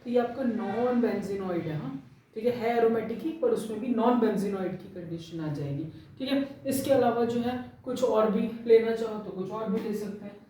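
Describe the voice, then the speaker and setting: Woman chemistry teacher, classroom lecture, step-by-step explaining, frequent checks for understanding, slow drawn-out terms, distant mic, faint room noise. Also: a little high, warm tone, heavy reverb. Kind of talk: classroom lecture mixing Hindi and English.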